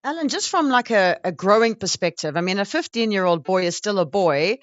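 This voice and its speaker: Hosting a guest in a relaxed interview, this woman with a South African accent is chatty and gushing. She talks fairly quickly in an expressive, mid-range voice, and the dull audio has no room sound.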